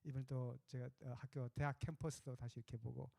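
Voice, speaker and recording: A male pastor preaching a sermon in a conversational, anecdotal way, with fillers and pauses. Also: mid-range voice, little pitch movement, creaky, warm tone, dry recording.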